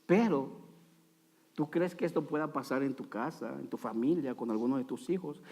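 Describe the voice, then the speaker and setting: A man preaching a sermon in a church, dramatic, swinging from loud pleading to quiet asides. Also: medium pitch, moderate pace. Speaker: pastor. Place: church sanctuary. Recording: long hall reverb.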